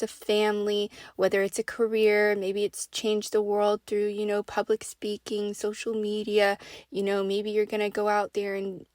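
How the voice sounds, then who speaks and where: A faith speaker delivers a casual preaching monologue to her audience, emphatic and conversational, regularly checking in with "right?" and "okay?". Her voice is medium in pitch, captured in clean studio sound with no room sound.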